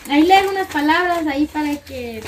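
High-voiced young woman, noisy outdoor recording. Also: lively intonation, fast talker. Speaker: charity channel host delivering food aid. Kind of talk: casual on-camera chat. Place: open-air covered yard of a rural house. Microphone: camera a few steps away. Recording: noisy outdoor camera audio, roosters and birds.

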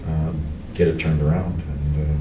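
A middle-aged man, a hockey coach, answering reporters at a post-game press conference, halting with many restarts and fillers. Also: rumbling low, flat delivery. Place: press room in front of a team backdrop. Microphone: table mic on a stand, heard from a camera farther off. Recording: echoey room, distant camera, background noise.

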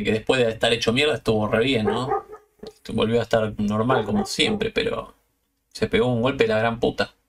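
A man's voice: mid-range voice, vocal fry, far from the mic, noisy background. A man with an Argentine accent hosting a podcast, telling stories in a loose, slangy, profane chat. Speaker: podcast host. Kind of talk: casual storytelling chat.

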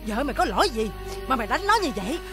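A woman's voice: high-pitched, sing-song, music in the background. An actress playing a stern middle-aged mother of the house, scolding with a Southern Vietnamese accent. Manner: scolding, quick and sharp.

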